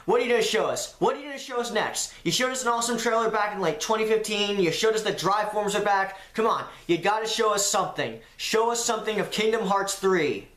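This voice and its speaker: A man reviewing a video game in a casual, excitable and sarcastic way, swearing freely, his voice doubled into a robotic, phasey sound. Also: high voice, fast talker, hardly any pauses. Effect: doubled, phasey robotic-sounding audio from an editing mistake. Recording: echoey, distant, doubled audio with faint music.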